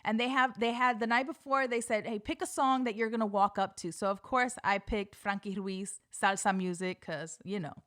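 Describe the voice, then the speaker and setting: A woman's voice: medium pitch, fairly even intonation, moderate pace, few pauses, a bit bright. A middle-aged woman hosting a podcast, telling a story casually and animatedly, often laughing and swearing. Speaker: podcast host.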